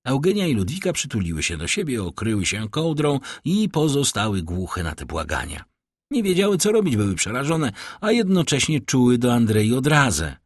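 A man narrating a classic novel as an audiobook, in an expressive, theatrical way. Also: mid-range voice, normal speed, breathy edge, no room sound, clean studio sound. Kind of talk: audiobook reading.

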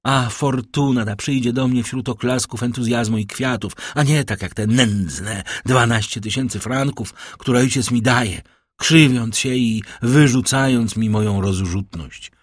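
A man's voice: medium pitch, a little slow, no room sound, clean studio sound, natural voice. A man voicing a proud, scornful young woman who defies her father, in an audiobook reading. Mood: haughty defiance. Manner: cold, haughty, defiant.

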